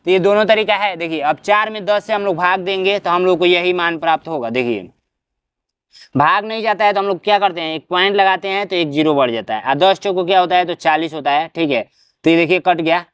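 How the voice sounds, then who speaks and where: Man, maths teacher, exam-prep lesson, step-by-step explaining, high voice, dry close sound. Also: brisk, a bit bright, smooth, dry recording. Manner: explains step by step, tag-question fillers.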